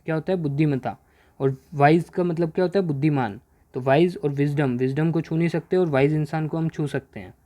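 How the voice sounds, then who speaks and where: A man teaching a grammar worksheet lesson in Hindi. He keeps asking questions and answering them himself, and he reads the English example sentences out slowly. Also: on the high side, mellow.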